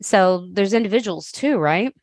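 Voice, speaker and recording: A woman's voice: mid-range voice, lively intonation, normal speed, a little mellow, dry recording. Woman hosting a podcast, dry sound. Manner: chatty, laughs easily. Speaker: podcast host. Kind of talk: casual podcast interview.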